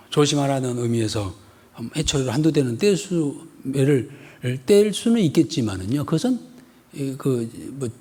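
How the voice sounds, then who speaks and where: In a church sanctuary whose long reverb carries his husky, slightly high voice, a local male pastor preaches an expository sermon. His delivery is animated, with constant rhetorical questions to the congregation and acted-out scenes like a scolding mother.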